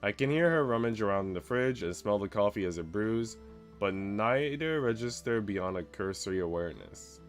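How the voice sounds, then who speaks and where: A game streamer with a lowish voice talks at a moderate pace with lively intonation while faint music plays. His chat is informal, slangy and profane, and at times he reads the visual novel's narration aloud.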